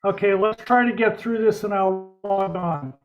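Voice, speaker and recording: A man's voice: sits high, moderate pace, highs cut off, soft background music. A man chairing a meeting over a conference call that breaks up, plain-spoken with dry asides. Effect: conference call audio, breaking up. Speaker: board chair.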